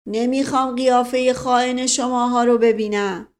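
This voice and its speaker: A woman's voice: on the high side, level tone, close to an everyday voice. A woman doing a pompous paranoid old uncle. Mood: angry. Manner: indignant shouting.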